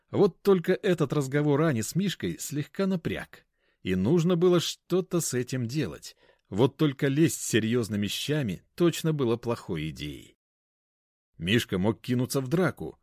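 A man's voice: mid-range voice, very animated, normal speed, darkish tone, dry recording, clean studio sound. A man narrating a first-person story in a wry, conversational way.

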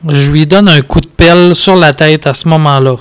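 A man's voice: on the high side, normal speed, smooth, faint music behind. A man with a Quebec French accent hosting a podcast, joking playfully while playing a game. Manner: playful, joking, laughing asides. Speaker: podcast host.

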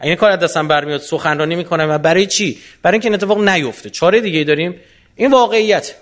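A man answering audience questions in a colloquial lecture, animated and full of rhetorical questions. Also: on the high side.

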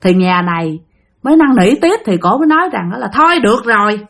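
A woman with a Southern Vietnamese accent tells a ghost story in a chatty way, speaking straight to her listeners with lots of fillers. Her medium-pitched voice is gravelly and sing-song, and she talks briskly.

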